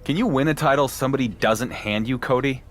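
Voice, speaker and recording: Voicing a defiant champion wrestler in a video game, this man sounds cocky and needling, his dramatic dialogue confident and pointed. His pitch is medium and his tone a bit bright, close to everyday speech, and he speaks briskly over faint background noise.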